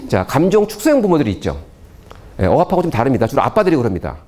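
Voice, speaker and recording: A man giving a lecture to parents, constantly firing rhetorical questions at the audience. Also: rapid-fire. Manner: animated, swooping pitch.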